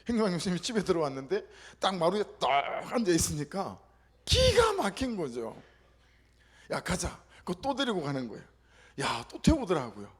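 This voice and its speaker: A middle-aged pastor from South Korea's Gyeongsang region tells a personal story during a sermon, his high voice a bit rough. He's animated, acting out the quotes as he goes.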